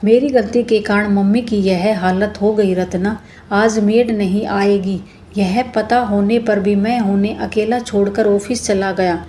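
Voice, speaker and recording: A woman's voice: mid-range voice, fairly even intonation, unhurried, mellow, a little hiss or hum, lightly acted. Lady reading the part of a middle-aged husband, earnest and pleading, plain voice. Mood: grieving. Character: grieving then loving husband, middle-aged man.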